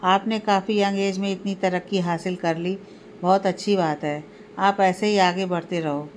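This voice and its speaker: A woman's voice: mid-range voice, steady tone, normal speed, slight background noise, close to an everyday voice. A woman doing a kind middle-aged father in a storybook. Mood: approving.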